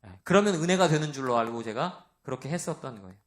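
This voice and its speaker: A pastor with a loud, animated, medium-pitched voice preaches quickly to young adults. He poses questions to the congregation and acts out the voices of the people he quotes.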